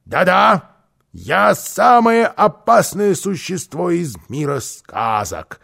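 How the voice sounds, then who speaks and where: A man's voice: big pitch swings, slow, gravelly, fairly bright tone, exaggerated voice. A man voicing a hollow-voiced boastful little witch. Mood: spooky boasting. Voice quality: hollow, put-on low voice. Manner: theatrical, boastful, indignant.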